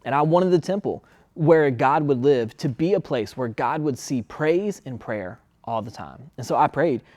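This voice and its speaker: With a medium-pitched, animated, natural voice of darkish tone and moderate pace, a man portrays King Solomon as a laid-back, chatty talk-show guest. The skit casts Solomon as an adult male king who is friendly and casual, and the mood is earnest.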